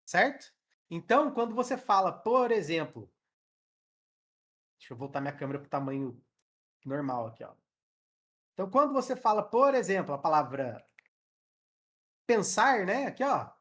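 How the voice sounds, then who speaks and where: Over his webcam, a young man with a Brazilian Portuguese accent teaches English live, voicing sounds for his students and checking in with them constantly. He has a high, sing-song voice, a moderate pace and long pauses.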